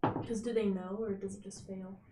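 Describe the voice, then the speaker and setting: A woman's voice: medium pitch, flat delivery, normal speed. A woman playing in a tabletop game, chatting and helpfully paraphrasing the rules for others. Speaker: player. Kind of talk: casual tabletop game play. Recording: echoey room, faint noise.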